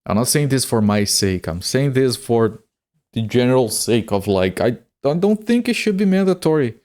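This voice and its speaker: A man's voice: mid-range voice, expressive, moderate pace, darkish tone. A man streaming a game and chatting casually, swearing freely and stumbling over the starts of his sentences. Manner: stammers and repeats words when starting sentences. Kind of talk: casual chat while gaming on a live stream.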